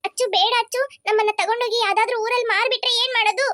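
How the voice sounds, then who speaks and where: A woman's voice: extremely high pitch, steady tone, rapid-fire, bright, forceful tone. Timid, anxious cartoon girl. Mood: scared. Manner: anxious, pleading. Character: timid frightened little girl.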